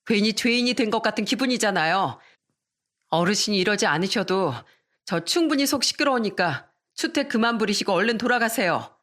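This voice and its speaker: A woman's voice: mid-range voice, animated, a little fast, a bit bright, pitched above the performer's own voice, close to an everyday voice. A woman voicing a brash young pregnant stepmother who talks back defiantly.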